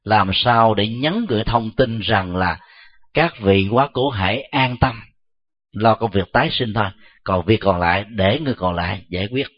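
A man, a Buddhist monk, giving a measured dharma talk and answering questions, pausing often with soft fillers. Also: on the low side, slightly rough. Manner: slow, measured, frequent filler "à". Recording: dull lo-fi recording.

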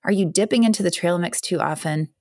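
A woman's voice: on the low side, quick pace, warm tone, no echo, studio quality. A woman coach giving scripted advice straight to the listener in an upbeat, tidy, emphatic way. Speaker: health and fat loss coach, host.

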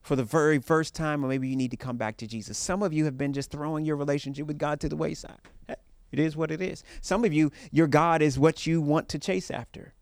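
A man's voice: on the high side, steady tone, brisk, dry recording, clean studio sound. A man preaching as a pastor in a rousing rally-speech style, exhorting his congregation and repeating phrases for emphasis.

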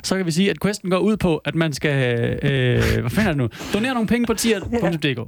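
A man chats informally as a podcast co-host and teases his friends. His voice is a little high and sounds dry and close. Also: lively intonation, creaky, no room sound. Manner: teasing, informal, reads announcements. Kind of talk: casual chat.

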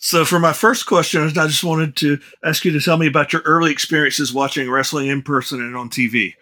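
A man's voice: on the high side, steady tone, a little fast, bright, forceful tone. A man hosting a podcast interview, introducing and asking questions. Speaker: podcast host.

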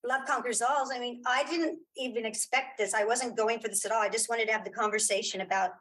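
This woman, a podcaster and audio drama creator, is an informal interview guest who's emphatic and encouraging and repeats phrases for emphasis. She talks fast in a slightly high, fairly bright, slightly rough voice with fairly even intonation. The recording is low quality.

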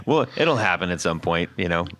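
A man's voice: on the low side, sing-song, a bit bright, a little hiss or hum. A man from California, hosting a podcast in a chatty, encouraging way. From California, USA. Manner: chatty, encouraging, quick to chime in. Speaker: podcast host. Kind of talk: casual interview chat.

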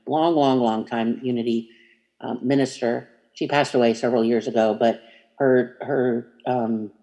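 A minister giving a reflective spiritual talk, meandering and hesitant with many fillers and restarts, gentle and inviting. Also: medium pitch, steady tone, measured pace, dull audio.

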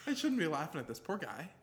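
A man's voice: high-pitched, fairly bright tone, a little hiss or hum. A young man co-hosting a casual chat, teasing his friend, laughing often and swearing freely. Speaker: podcast co-host.

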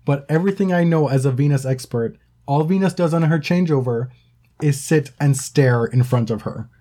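A man's voice: a little high, moderate pace, warm tone. A man co-hosting a casual podcast, earnest at times but with wry, teasing asides. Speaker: podcast co-host. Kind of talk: casual chat.

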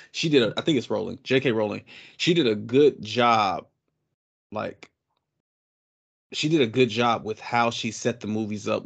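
A man co-hosting a casual podcast, talking excitably and jumping between topics. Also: on the low side. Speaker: podcast co-host. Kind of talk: casual chat.

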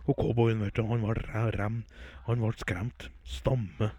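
A man tells rambling, folksy jokes full of filler words, mixing comic storytelling with sports commentary in a casual style. His lowish voice is dark with a breathy edge and a level tone. The recording is dry.

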